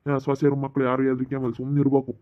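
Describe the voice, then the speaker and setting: A man playing a stern older village man who scolds the women to keep quiet, in an amateur skit. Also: medium pitch, completely flat delivery, rapid-fire, lightly acted. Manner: admonishing, repeats rhetorical questions. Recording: tinny phone-like audio.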